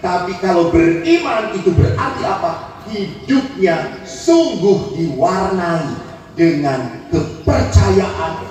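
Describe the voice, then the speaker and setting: High-voiced priest preaching in an echoey church. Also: male voice, slow pace, soft background music. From Indonesia. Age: 50s. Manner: humorous storytelling with lively acted-out quotes. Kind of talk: sermon. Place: large church. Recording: echoey church hall, from far off, faint noise.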